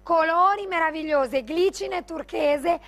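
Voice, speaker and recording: A middle-aged woman delivers an infomercial pitch as a TV shopping host. Her delivery is emphatic and gushing, yet slow-paced. The voice sits high, with a creaky, gravelly edge as she urges viewers to buy. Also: fairly bright tone. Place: TV shopping studio.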